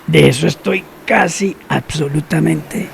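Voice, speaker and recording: In a radio drama, an actor plays a secretive, cynical older man who speaks slowly and knowingly, sometimes sinking to near whispers. His voice is a little high with vocal fry, the mood sly, and there's slight background noise.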